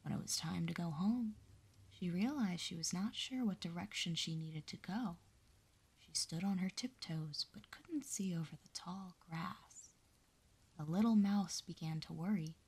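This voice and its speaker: Woman reading in a slow, husky whisper. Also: lowish voice. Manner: soft, slow bedtime reading. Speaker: storyteller. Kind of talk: whispered role-play.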